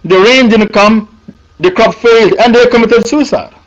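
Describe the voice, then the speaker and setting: A man's voice: sits high, moderate pace, highs cut off. A man preaching a sermon, emphatic and repeating his points for the listeners.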